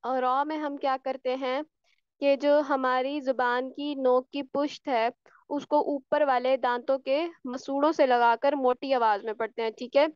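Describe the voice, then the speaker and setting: A woman's voice: sits high, steady tone, measured pace, clear, resonant tone, no room sound, lo-fi sound. A woman teaching a recitation class online, patiently explaining and repeating sounds for her students. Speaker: tajweed teacher.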